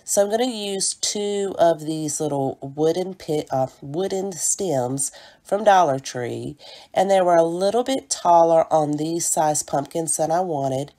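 Low-voiced woman with a stuffy cold. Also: a little slow. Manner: gentle step-by-step explaining, chatty asides to viewers. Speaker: DIY home decor creator. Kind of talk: craft tutorial voice-over.

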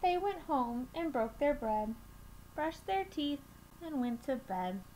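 A young woman reading a picture book aloud to children, with measured, deliberate phrasing and expressive emphasis, recorded on a webcam mic in a small room. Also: high voice. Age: young adult. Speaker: children's storytime reader at a school. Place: small room at home, indoors. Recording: noisy home webcam recording.

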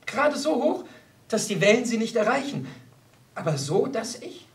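A man reading an audiobook, voicing a weary, elegant young countess in a soft, tired, wistful way. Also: extremely high pitch, very animated, normal speed, far from the mic, voice pushed up. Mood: dreamy. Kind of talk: audiobook character voice.

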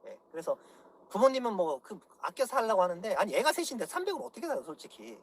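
A man's voice: sits high, big pitch swings, fast talker, a little hiss or hum. A man in his thirties on a livestream, swearing angrily and lecturing his viewers, keeps asking "예?". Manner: profane, angry, keeps asking "예?". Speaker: political YouTuber. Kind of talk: livestream rant.

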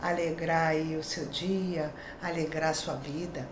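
A deep, fairly evenly pitched woman's voice, a bit slow, sounds roomy with a faint hiss or hum. She's a middle-aged Brazilian tarot reader offering a reassuring, chatty daily horoscope reading from a small decorated room, checking in often with tag questions.

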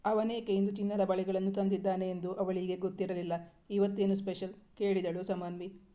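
A woman storyteller reading a romance novel aloud in a steady, unhurried way. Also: mid-range voice.

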